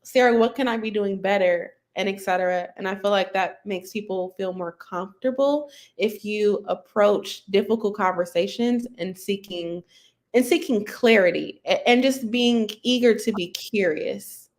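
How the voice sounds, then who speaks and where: A woman's voice: mid-range voice, unhurried. Earnest woman teacher on a panel. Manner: earnest, reflective, quotes herself in examples. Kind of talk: virtual panel discussion.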